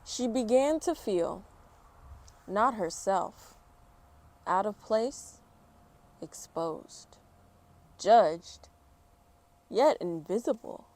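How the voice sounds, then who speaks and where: With a mid-range voice, a woman reads a children's picture book aloud slowly and expressively, dropping in informal, chatty remarks as she goes.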